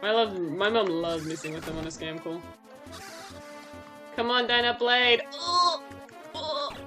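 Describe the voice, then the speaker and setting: A woman's voice: medium pitch, normal speed, a bit bright, poor audio. Woman, live game streamer, chatty, self-mocking, faint music underneath. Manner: chatty, reacting aloud, talking to chat. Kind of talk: live gameplay commentary.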